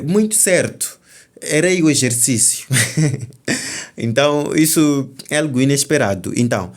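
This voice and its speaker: A man's voice: medium pitch, darkish tone. A man with a Mozambican Portuguese accent, an exam tutor going through the answers step by step and checking in with "ok?" as he goes. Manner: explains step by step, often stopping to say "então" and "ok?".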